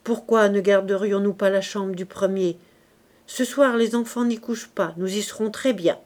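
A woman's voice: mid-range voice, steady tone, normal speed, a little mellow, natural voice. A woman reading the lines of a young working-class husband who answers his sister-in-law with irritation. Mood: irritated. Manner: retorts with irritation. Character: young working man, newly married, sulky and defensive.

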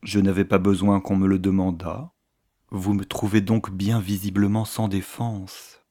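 A man reading the lines of a troubled, quick-tongued young countess in an audiobook, his voice rising as she pleads. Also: sits low, level tone, dark tone. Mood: plaintive.

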